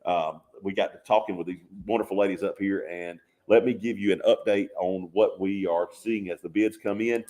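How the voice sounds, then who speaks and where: A man's voice: deep voice, steady tone, normal speed, hardly any pauses, dark tone. A man with a Southern US accent hosting a live charity auction on the radio, folksy and upbeat as he calls out bids.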